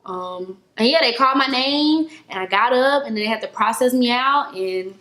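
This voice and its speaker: A young woman vlogger, telling stories casually to camera in a slangy, animated way and acting out quotes in high voices. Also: moderate pace. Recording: echoey room.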